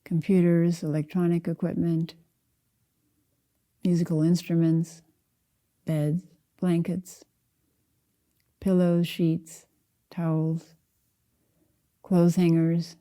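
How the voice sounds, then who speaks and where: Calm and unhurried, an older female Zen teacher sets out short, measured phrases one at a time as she guides a meditation. Her voice is low and dark, with a very soft edge.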